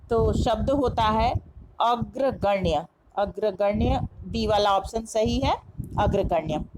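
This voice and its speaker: A woman's voice: a little high, slight background noise, low-quality recording. A woman teaching an exam-prep lesson, methodically working through spelling questions and repeating each correct answer. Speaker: Hindi teacher.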